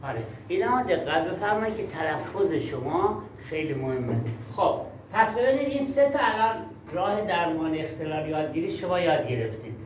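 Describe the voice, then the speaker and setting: A man's voice: a little high, animated, hardly any pauses, a little hiss or hum. A man giving a workshop lecture to teachers, talking emphatically and repeating key words. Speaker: teacher trainer. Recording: echoey room, far from mic.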